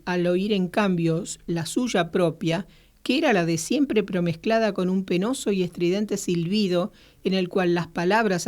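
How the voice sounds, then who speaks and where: A woman radio host, reading a novel aloud in a measured way and then commenting, with occasional hesitant fillers. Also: medium pitch, a little mellow. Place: radio studio.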